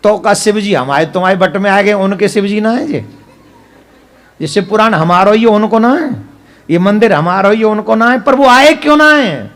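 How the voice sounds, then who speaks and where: Emphatic high-voiced preacher. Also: male voice, lively intonation, moderate pace, fairly bright tone. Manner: emphatic, rhetorical questions to the audience. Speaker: katha preacher. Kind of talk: devotional katha sermon.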